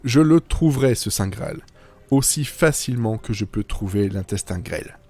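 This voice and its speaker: A man narrates his own fiction podcast as a writer, delivering a scripted first-person monologue that is whimsical and self-mocking with playful asides. His voice is on the low side, dark-toned and expressive, at normal speed, with music in the background.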